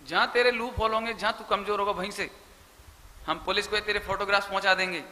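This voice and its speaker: A man voicing a menacing male smuggler who blackmails his partner, speaking emphatically and loudly. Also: high voice, fairly even intonation, fast talker. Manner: threatening, emphatic, louder. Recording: echoey hall with faint noise.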